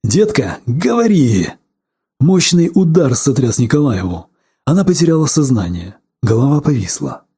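Guy reading a novel out loud, short choppy sentences, dark rough voice. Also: mid-range voice, big pitch swings, normal speed. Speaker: audiobook narrator. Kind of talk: scripted narration of a novel.

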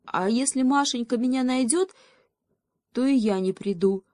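A woman voicing an eager, boastful little male goat kid with a high, excited voice. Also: moderate pace, no room sound, clean studio sound, lightly acted.

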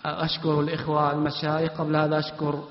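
A man teaching an Islamic study class, quizzing students one by one in a commanding, brisk way with a sometimes chant-like delivery. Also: on the high side, monotone. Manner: commanding, brisk orders to stand and sit. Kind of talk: classroom question and answer. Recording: echoey hall, dull lo-fi sound.

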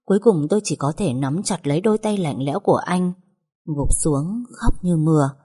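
A woman reading a first-person story aloud in a slow, sorrowful way. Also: low voice, expressive, dark tone, breathy edge. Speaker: audiobook narrator.

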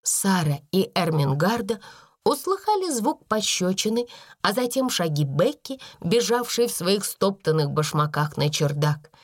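Woman, audiobook narrator, expressive storytelling, very lively pitch, dry close sound. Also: a little slow, no room sound. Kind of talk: scripted narration.

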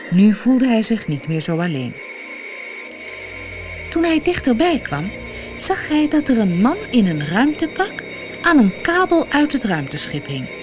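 A woman from the Netherlands reading a children's audiobook aloud with expressive storytelling. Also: medium pitch. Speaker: storybook reader.

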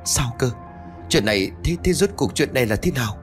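A man voicing a sharp-tongued, angry old village woman who scolds and shouts. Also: medium pitch, lively intonation, fairly quick, faint music behind, voice pushed up, lightly acted. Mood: alarmed.

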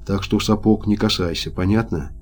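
A man voicing a stubborn wounded soldier who scolds in a gruff, folksy way. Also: fairly low pitch, steady tone, normal speed, a little mellow, natural voice.

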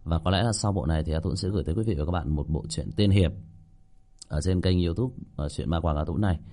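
A man narrating a serialized ghost story, reading the dialogue of its characters with lively expression. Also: low-pitched, fast talker.

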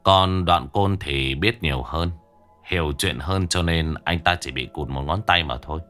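A composed, mysterious middle-aged exorcist, put on by a male narrator for an audio ghost story. The voice sits very low and stays unhurried and matter-of-fact. A faint wash of music runs underneath. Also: expressive, pushed and bright. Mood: calm.

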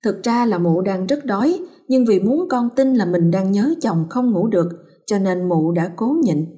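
Woman narrating a horror story, mellow. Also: medium pitch, moderate pace. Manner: steady, dramatic storytelling. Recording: faint background music.

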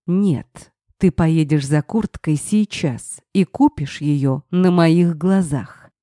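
A woman's voice: deep voice, slow pace, warm tone, no room sound, studio quality. A woman doing a bullying ex-husband. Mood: commanding. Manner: barking orders, contemptuous. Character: rude domineering male ex-husband, bullying.

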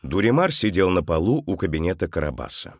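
A man narrating a children's story audiobook in a calm, even manner. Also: low-pitched, a little fast, soft background music.

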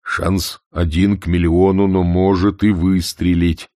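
A man's voice: low-pitched, measured pace, darkish tone, no echo, clean studio sound. A man voicing an earnest, literal young male watchman who speaks plainly in an audiobook.

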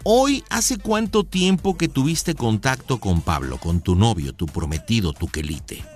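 A man's voice: fairly low pitch, sing-song, a little slow, darkish tone, soft background music. A man with a Mexican accent hosting a radio prank show, playful and teasing, full of slang. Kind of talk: joking radio chat with a caller.

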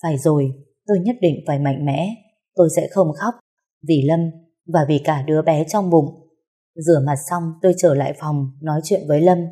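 A woman reading a first-person story aloud in a sorrowful, even storytelling manner. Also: low voice, moderate pace, slightly rough. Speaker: narrator.

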